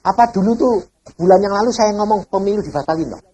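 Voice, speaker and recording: A man's voice: high-pitched, fast. A man preaching a sermon, telling stories and asking the congregation rhetorical questions. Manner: animated storytelling with wide swings between loud and soft. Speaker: evangelist preacher. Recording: old cassette recording of a sermon.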